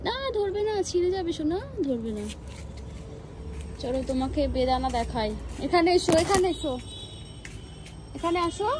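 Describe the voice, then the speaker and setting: Young mom, high voice, sing-song coaxing of a little child; outdoor rooftop garden, faint noise. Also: female voice, expressive, normal speed, long pauses. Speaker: mother and vlogger. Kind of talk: talking to a toddler while filming.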